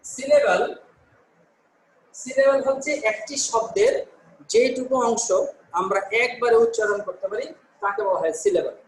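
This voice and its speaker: High-voiced male teacher in an echoey room. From Bangladesh. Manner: explains step by step, often asks and answers his own questions; repeats words and corrects himself with "sorry". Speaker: English teacher. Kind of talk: online class lecture.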